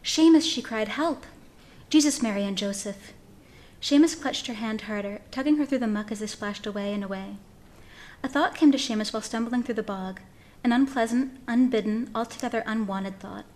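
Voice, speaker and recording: A woman reading a piece of fiction aloud in an expressive, dramatic storytelling manner. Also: a little high, a little fast. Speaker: story reader.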